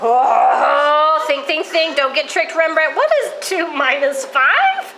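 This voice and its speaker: Teacher, female: high and expressive, coaxing answers from kids, voice going hoarse, faint classroom hum. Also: measured pace. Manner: encouraging, questioning children. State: coughing, losing her voice. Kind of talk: classroom math lesson.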